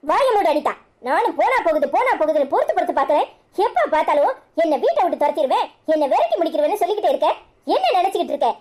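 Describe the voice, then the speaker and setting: A young wife from a cartoon serial, voiced by a woman who argues her side firmly. She speaks with a Kanyakumari Tamil accent in a very high, bright voice. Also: very animated, rapid-fire. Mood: defiant. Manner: pleading, then firm. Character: patient young wife loyal to her mother-in-law.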